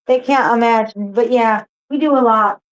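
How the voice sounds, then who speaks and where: A woman's voice: a little high, moderate pace, lo-fi sound, background noise. A woman in her forties chatting casually, earnest and insistent, repeating short phrases to make her point. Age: 40s. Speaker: library worker. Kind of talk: casual chat.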